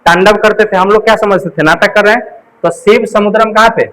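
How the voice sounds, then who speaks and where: A man's voice: high-pitched, steady tone, a little fast, a bit bright, poor audio. A male teacher running an exam coaching class, drilling facts through call-and-response and memory tricks.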